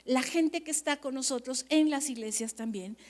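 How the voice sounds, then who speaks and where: A woman pastor, preaching at a leaders' conference in an animated, chatty way, often checking that the audience agrees. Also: high voice, moderate pace.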